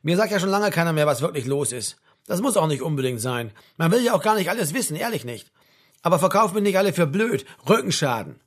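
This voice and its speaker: A tired, sharp-tongued mother with a husky, breathy voice, as a male narrator puts her on. She nags and scoffs in quick bursts, then softens into weary tenderness. A storybook reading with a lively, slightly raised delivery. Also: fairly high pitch. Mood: scolding. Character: weary, blunt middle-aged mother. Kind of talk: audiobook character voice.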